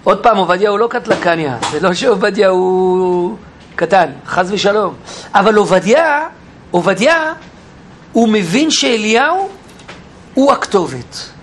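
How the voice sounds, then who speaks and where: Man, high voice, animated Bible class teacher, quizzes the room, acts out quotes, faint room hum. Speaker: Torah teacher. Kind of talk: lively Bible class lecture.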